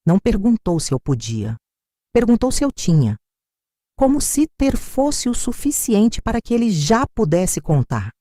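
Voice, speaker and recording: Calm older woman narrating, warm lively voice. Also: mid-range voice, no echo, clean studio sound. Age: 60s. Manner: calm, measured, reflective. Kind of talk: first-person story narration.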